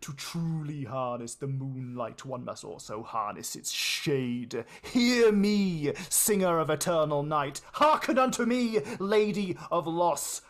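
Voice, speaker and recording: A man playing a female sorceress in a tabletop game. He uses a booming, magically amplified voice for her grand, solemn incantation. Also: lively intonation, slow pace, few pauses, fairly bright tone, exaggerated voice. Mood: commanding. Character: booming female sorceress casting a ritual spell. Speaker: game master.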